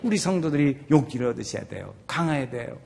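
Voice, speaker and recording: A male pastor preaching a sermon, urging the congregation on with animated rhetorical questions. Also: mid-range voice, fast, creaky, in a large hall.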